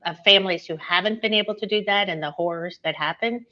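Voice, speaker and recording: A woman's voice: mid-range voice, quick pace, sharp tone, muffled recording. A woman, an author and former nurse, telling a personal story as an interview guest, getting emotional and laughing at times.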